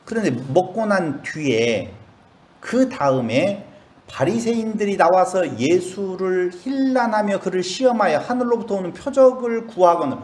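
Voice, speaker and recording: A man preaches a Bible study in a church, his fairly high voice rising and falling with lively energy. He keeps turning to the congregation with questions. The sound rings around an echoey room. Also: measured pace. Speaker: pastor.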